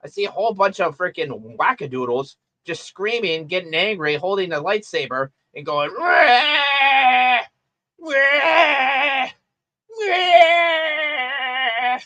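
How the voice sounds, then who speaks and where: A man's voice: a little high, lively intonation, normal speed, hardly any pauses, sharp tone, no echo. A man talking in a casual, rambling rant, full of fillers and restarts, as he reviews a film.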